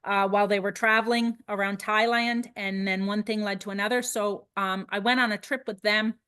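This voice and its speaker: A chatty woman from Nova Scotia talks as a guest in a relaxed interview, telling her travel stories with open enthusiasm. Her voice sits at an ordinary middle pitch, heard over a video call. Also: moderate pace, clean tone. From Nova Scotia, Canada. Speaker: family travel blogger, guest. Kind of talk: casual interview conversation.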